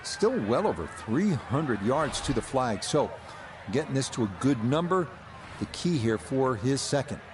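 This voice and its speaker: A man commentating on golf as lead play-by-play announcer, calling shots and scores in a measured, unhurried way. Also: mid-range voice, very animated. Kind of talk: golf broadcast commentary in a video game. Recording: music and crowd noise behind. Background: music, crowd.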